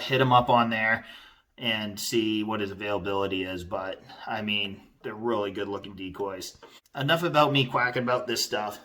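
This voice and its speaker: A man's voice: medium pitch, pushed and bright. A man giving a casual product review in a rambling, conversational, informal way.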